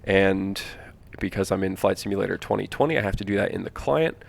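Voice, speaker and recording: Male flight instructor, fairly low pitch, noticeable vocal fry, informal step-by-step teaching, explanatory, repeats key points. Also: brisk. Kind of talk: instructional flight simulator walkthrough.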